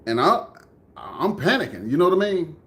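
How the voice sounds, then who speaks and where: A man's voice: fairly high pitch, sing-song, normal speed, a bit bright. A Texan man in his thirties, from Dallas, telling a personal story earnestly to a live chat, often repeating phrases for emphasis. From Dallas, Texas. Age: 30s. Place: indoors, room with air conditioning.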